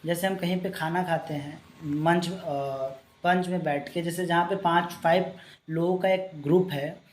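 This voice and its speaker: With fairly even intonation and medium pitch, a teacher reads English definitions slowly for an exam-prep class and explains them in Hindi via everyday examples. The delivery is loose, rambling, and frequently restarted.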